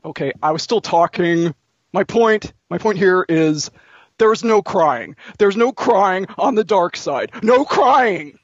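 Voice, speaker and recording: A woman's voice: medium pitch, lively intonation, slow pace, dry recording, lo-fi sound. A woman playing a petulant, sarcastic young male villain in an improvised comic role-play, sulky and pedantic. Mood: sulky denial.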